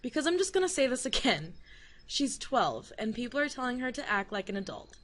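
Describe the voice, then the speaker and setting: A woman's voice: fairly high pitch, big pitch swings, a little fast, fairly bright tone. A young adult woman giving a casual, digressive rant to camera, laughing mid-sentence and swearing now and then. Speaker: YouTuber.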